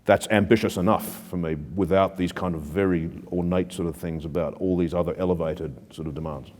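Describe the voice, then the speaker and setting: A man with a very low voice answers a question on a panel, measured and discursive. His words ring out in a lecture hall with a long reverb tail. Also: fairly even intonation, darkish tone.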